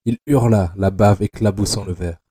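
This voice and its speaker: A man narrating an audio adaptation of a dark novel in a slow, measured, tense way. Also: fairly low pitch, steady tone, slightly rough.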